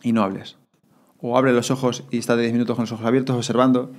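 A man with a Spain Spanish accent, talking casually as a podcast guest and acting out his own thoughts. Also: mid-range voice. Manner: fast, animated, acts out inner thoughts in quotes.

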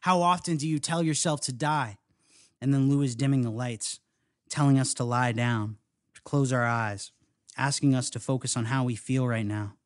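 Guy reading his own memoir at a reading, steady rhythmic delivery, mid-pitched, dry sound. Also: no room sound. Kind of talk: live literary reading. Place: house reading event, indoors.

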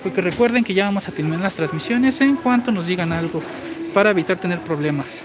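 Walking through a big indoor supermarket with his phone, a shopping-deals streamer in his forties explains bargains and reads viewer comments in a chatty live walkthrough. His high voice sounds girlish, and he's expressive and fast, against crowd noise and a noisy store backdrop.

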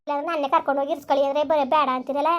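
A woman's voice: high voice, flat delivery, very fast, natural voice. Woman playing a sulky young village wife.

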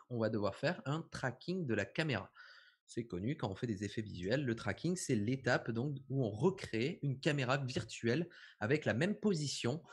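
A man's voice: mid-range voice, slightly rough. A man giving a casual live tutorial on visual effects, explaining step by step with lots of fillers. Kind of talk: live software tutorial chat.

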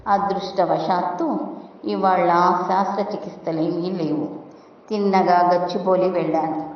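A woman narrating a short story in the first person, with a steady, even delivery. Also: lowish voice. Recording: distant dull echoey hall recording.

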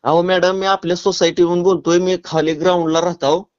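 A man is on a prank phone call, speaking in a fairly high voice. He talks in an insistent, pressing way. The call audio is dull and lo-fi. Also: flat delivery, fairly quick, darkish tone, smooth. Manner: insistent, urgent, then apologetic and teasing. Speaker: prank caller.

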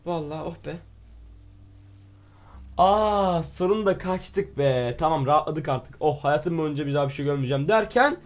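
Man, gaming host, let's play commentary; excitable, slightly higher voice, reads on-screen text aloud. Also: moderate pace. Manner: excitable, exclaims and playfully swears at the game.

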